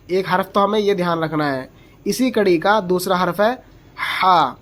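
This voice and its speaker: A Quran reading teacher giving a slow, step-by-step pronunciation lesson, explaining where each letter is formed and repeating its sound aloud. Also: mid-range voice. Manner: patient, explains slowly and models each letter sound aloud several times; asks the learner short checking questions.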